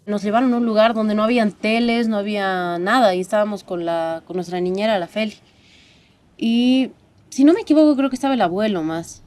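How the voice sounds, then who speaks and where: Woman, 30s, mid-pitched, reflective interview voice with nervous little laughs. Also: darkish tone. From Bolivia. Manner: reflective, hesitant, lightly laughing. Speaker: interviewee, daughter. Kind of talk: documentary interview.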